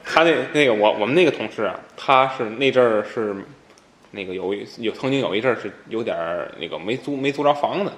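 Mid-pitched storytelling man, lively pitch, roomy sound with faint hiss. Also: fast. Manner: laughing storyteller, trails off to a mumble. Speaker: podcast co-host. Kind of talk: casual storytelling chat.

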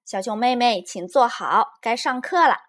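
A woman's voice: fairly high pitch, expressive, moderate pace, fairly bright tone, voice pushed up. A woman voicing a bossy, bragging young girl in a children's storybook. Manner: bossy, commanding.

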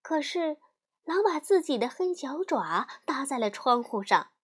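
A woman storyteller host narrating a fairy tale as a gentle bedtime story for children. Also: high-pitched, very animated, a little slow. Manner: gentle, addresses child listener.

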